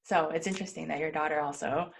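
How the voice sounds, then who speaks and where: A woman who grew up in the United States, interviewing with curious, relaxed questions. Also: low voice, quick pace, gravelly, crowd noise. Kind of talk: casual interview chat.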